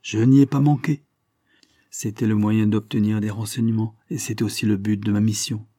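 A man reading aloud, voicing an earnest, dutiful male police inspector in a formal, measured way. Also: on the low side, flat delivery, mellow, dry recording, clean studio sound, lightly acted.

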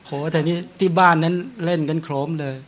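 Chatty monk giving a dharma talk. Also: male voice, a little high, steady tone, fairly quick. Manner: chatty, tells anecdotes with frequent chuckles. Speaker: Buddhist monk.

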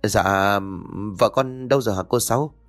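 A man's voice: lowish voice, moderate pace, long reverb tail, soft background music, natural voice. A man voicing an evasive young husband in debt, who answers meekly and politely and calls out eerily in a dream.

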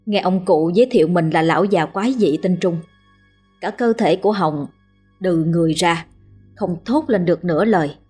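A woman narrating a horror story in a slow, measured storytelling manner. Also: fairly low pitch, a little mellow, husky, soft background music.

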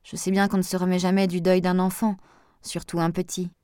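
A woman's voice: lowish voice, level tone, fairly quick, warm tone, no room sound, clean studio sound, close to an everyday voice. A woman voicing a gossipy elderly village woman who talks in a confiding, old-fashioned way.

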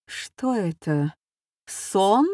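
A woman's voice: medium pitch, expressive, extremely slow, dark tone, dry recording, clean studio sound. A woman voicing a flustered society hostess in an audiobook, anxious and dismayed. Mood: distraught. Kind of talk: audiobook character voice.

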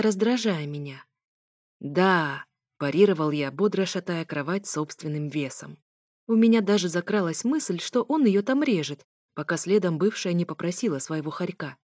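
A woman narrating a first-person audiobook with wry, lively storytelling. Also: on the low side, no room sound. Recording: dry close recording.

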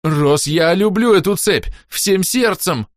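A shrill, cowering male assassin begs and wails in a high, loud, frantic voice, as a male narrator puts him on. The swings in pitch are wild and the reading is dry and close. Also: expressive, slow, no echo. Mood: panicky pleading. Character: panicky sneaky male assassin, wheedling coward.

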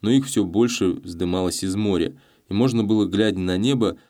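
A man reading a story aloud as a narrator, measured and dramatic. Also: fairly low pitch, dark tone. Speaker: audiobook narrator. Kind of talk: scripted narration.

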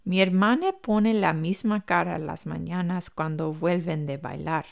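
A woman's voice: fairly low pitch, measured pace, creaky. A woman reading an earnest young girl. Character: earnest young girl, eager to seem grown-up.

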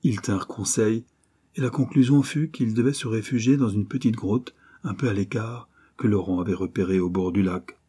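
A man narrating an adventure novel aloud, steady and measured. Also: fairly low pitch, husky. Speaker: audiobook narrator. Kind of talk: scripted narration.

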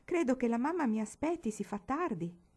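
A terrified little girl in an audiobook, as a woman reader puts her on, pleading with breathless urgency. The voice rides high and strains upward. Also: sing-song, moderate pace, a little mellow, slightly rough. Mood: timid. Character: frightened little girl, desperate. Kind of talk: audiobook reading.

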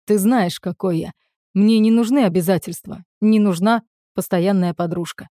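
Woman reading as guilty young boyfriend, hushed murmuring, warm dark voice. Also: mid-range voice, moderate pace, no echo, clean studio sound, lightly acted. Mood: remorseful. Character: young man, guilt-ridden withdrawn boyfriend.

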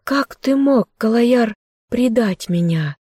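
Female reader doing the captive heroine, young and fiery, high and furious. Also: animated, slow, slightly rough, dry recording, studio quality, heavily acted. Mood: defiant. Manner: defiant, shouting.

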